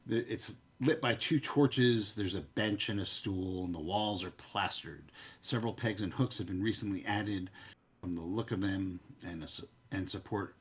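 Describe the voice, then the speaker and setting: A man narrating a tabletop game as game master, halting as he searches for words. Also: low-pitched, husky.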